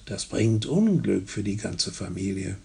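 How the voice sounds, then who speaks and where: A man voicing a sick peasant father of about fifty, with a hoarse, raspy voice and a slow, reproachful way of lecturing his sons. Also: lowish voice, sing-song, a little mellow, full character voice. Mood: stern. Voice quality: raspy, gravelly.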